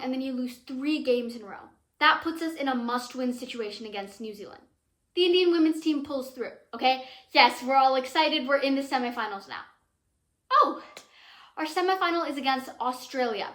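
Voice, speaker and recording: A teenage girl talks through a cricket tournament in a chatty, excitable vlog, with lots of fillers. Her voice sits high. It rings in an echoey room. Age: teens. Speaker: vlogger. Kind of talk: casual cricket commentary vlog.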